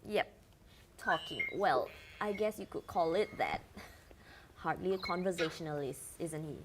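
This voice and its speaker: A woman's voice: on the low side, lively intonation, measured pace, slight background noise. A woman playing a glib, vain male talk-show host in a scripted satire, wisecracking and stammering. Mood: wry.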